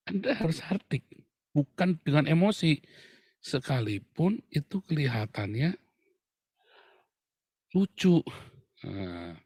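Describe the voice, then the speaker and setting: Indonesian guy preaching, blunt n fiery, bursts out loud, dry close sound. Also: mid-range voice, no room sound. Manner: blunt, animated preaching with sudden loud outbursts. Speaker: pastor. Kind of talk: sermon.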